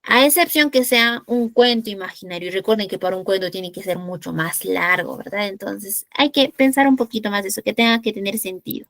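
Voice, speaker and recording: A woman's voice: mid-range voice, brisk, creaky, few pauses, fairly bright tone, no echo. A woman from Peru teaching an online English class, patiently checking in with the students and asking rhetorical questions.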